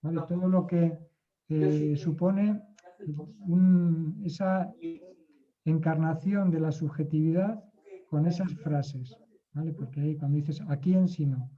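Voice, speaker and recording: Man, slightly high voice, hesitant with fillers, muffled video-call sound, group discussion. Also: fairly even intonation, slow. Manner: hesitant, many fillers and restarts. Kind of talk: casual discussion.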